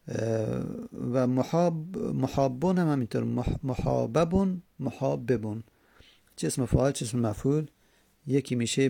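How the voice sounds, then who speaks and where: A man teaching Arabic grammar, reading a text and slowly repeating word forms aloud. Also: medium pitch, vocal fry, dark tone, dry recording. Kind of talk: classroom lesson with text reading.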